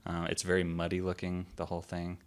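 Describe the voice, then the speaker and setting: A man's voice: deep voice, monotone, fast. A man co-hosting a gaming podcast, explaining a game in casual chat, rambling with lots of "like" and "um" and the odd laugh. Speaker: podcast co-host.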